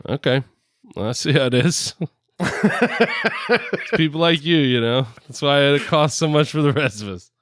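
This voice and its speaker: A man's voice: medium pitch, normal speed, clear, resonant tone, no echo, clean studio sound. A man co-hosting a podcast in casual chat, telling rambling stories and correcting himself as he goes. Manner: rambling, self-correcting storyteller. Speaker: podcast co-host. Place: home, separate from co-host.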